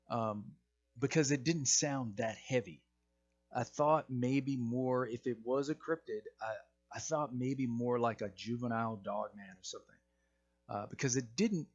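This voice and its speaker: A man recounts a personal encounter in plain, casual storytelling. His delivery is hesitant, full of restarts and doubled words, in an ordinary mid-range voice. The recording sounds a little dull and lo-fi. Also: medium pitch. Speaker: channel host sharing his own encounters.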